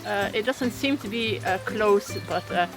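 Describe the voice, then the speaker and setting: A woman's voice: mid-range voice, unhurried, over music, poor audio. A woman hiking vlogger talking casually outdoors on a mountain trail in the rain, chatty with frequent fillers. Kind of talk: casual vlog narration while hiking.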